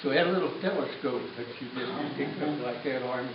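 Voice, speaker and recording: Talking fast in a medium-pitched voice, an octogenarian family elder delivers a loose, jokey storytelling speech about the family at a reunion. He's picked up distantly and muffled in an echoey space, with a crowd audible behind him.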